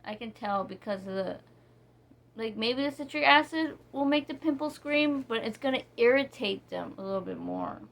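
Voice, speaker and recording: A woman talks through a soap review in a loose, casual way. She reads ingredient names slowly and wanders between thoughts, stopping and restarting often. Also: on the high side, expressive. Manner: rambling, reading ingredients slowly, with many fillers and restarts. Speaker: vlogger reviewing soaps. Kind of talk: casual product review chat.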